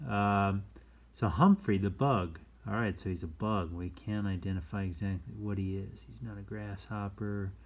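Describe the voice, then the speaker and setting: A man with a fairly low voice hosts a casual read-aloud storytime at a moderate pace. He drifts into easygoing, rambling explanatory asides.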